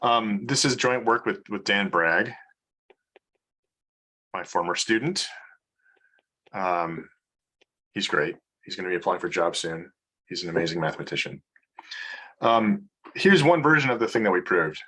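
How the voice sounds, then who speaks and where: Bright-voiced, hesitant male math lecturer. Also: sits low, lively intonation, a little slow, long pauses. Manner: hesitant, many fillers and restarts. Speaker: mathematics lecturer. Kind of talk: informal research seminar talk.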